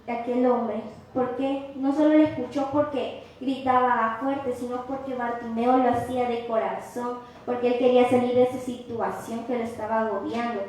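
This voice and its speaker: High-voiced woman preaching in an echoey hall. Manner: impassioned preaching, rising to loud cries when quoting. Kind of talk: sermon. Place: church. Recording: very echoey church hall, faint noise.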